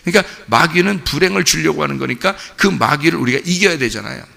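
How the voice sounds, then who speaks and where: A male pastor delivering an earnest, conversational sermon in a church sanctuary and putting questions to the congregation. His voice is strongly gravelly, with a forceful, bright edge. A long hall reverb follows every phrase. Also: fairly high pitch, lively intonation, quick pace.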